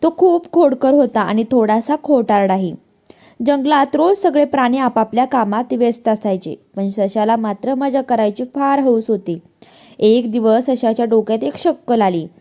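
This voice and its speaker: A woman narrating a moral story for young children in a gentle, expressive way. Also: fairly high pitch, normal speed.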